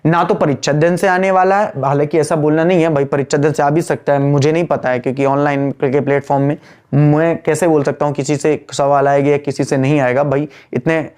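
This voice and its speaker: Patient Hindi-speaking accounts teacher, higher-pitched. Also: male voice, steady tone, darkish tone, clear, resonant tone. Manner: repeats key phrases, quizzes students with questions; drawls slowly while writing entries. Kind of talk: online classroom lecture.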